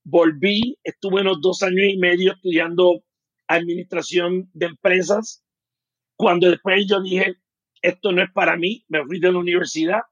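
A man's voice: sits high, steady tone, normal speed, fairly bright tone, no room sound, lo-fi sound. A Puerto Rican man in his fifties, a guest telling his life story in detail, speaking with a Puerto Rican Spanish accent. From Puerto Rico. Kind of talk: storytelling interview.

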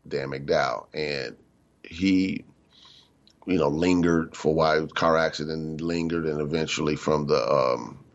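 Deep-voiced man preaching conversationally. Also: gravelly, fairly bright tone, dull audio. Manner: conversational, emphatic, acts out quoted voices. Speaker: minister. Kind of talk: spiritual teaching talk on radio.

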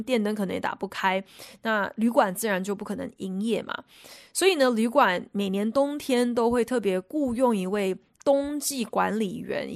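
A woman hosts a radio lesson, explaining English phrases in a chatty, patient way. Her voice sits in a middle pitch. The studio recording is dry and close. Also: no echo. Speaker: radio host.

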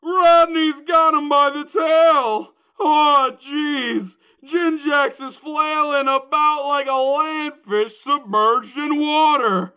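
A brash, shouting fight announcer, put on by a drunk man calls the bout in a high, bright voice. The play-by-play comes fast and loud, with a clear tone. It is an audio fantasy story, not a live broadcast. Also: steady tone, heavily acted. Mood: frantic. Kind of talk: drunken storybook podcast reading.

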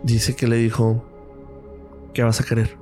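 A man's voice: mid-range voice, completely flat delivery, unhurried, a little mellow, faint music behind. A man with a Mexican Spanish accent, a radiologist guest on a podcast, tells a story and acts out the quoted dialogue.

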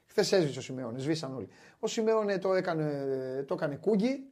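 Animated man hosting sports chat. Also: fairly high pitch. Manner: animated, wry, many restarts. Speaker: sports show host. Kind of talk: casual basketball chat.

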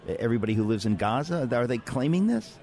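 A talk show host with a mid-range, sing-song voice and a darkish tone speaks quickly, running a conversational radio interview in a wry, candid way. He's on a platform in a large convention center, and the recording picks up the noise of a crowded convention floor.

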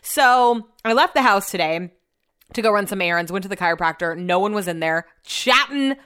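A woman's voice: mid-range voice, lively intonation, normal speed, sharp tone, clean tone. A woman in her thirties talking casually in a vlog, rambling and chatty, swearing freely. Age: 30s. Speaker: vlogger.

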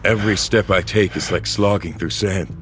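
In an audio drama with background music, an actor performs a tormented, brooding man who remade his own body, acting and narrating in the first person as the narrator-hero. His gravelly voice is low and steady at normal speed, a bit bright, and the mood is grim and fading.

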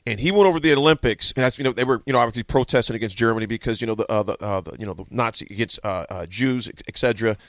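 A man's voice: mid-range voice, racing, hardly any pauses, no room sound, clean studio sound. A man in his forties hosting a sports radio show, talking casually and rambling with many fillers. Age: 40s. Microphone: studio microphone.

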